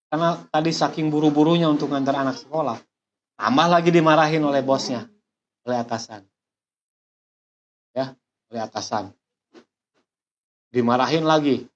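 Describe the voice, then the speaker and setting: A man teaches a lesson through a slow, deliberate story, repeating himself as he goes, in a dull lo-fi recording. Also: a little high. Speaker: motivational speaker.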